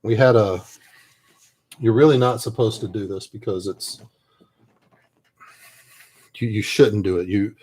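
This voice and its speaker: A fairly low, breathy voice comes from a man speaking a little slowly with frequent pauses while he paints miniatures. The army veteran rambles in a soft-spoken, reflective, casual way, often letting his words trail off.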